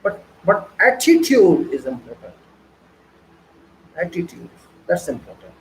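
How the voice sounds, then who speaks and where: A man's voice: sits high, very animated, unhurried, reverberant, a little hiss or hum, rough recording. A man giving an online engineering lecture, preaching emphatically with rhetorical questions and repeated phrases.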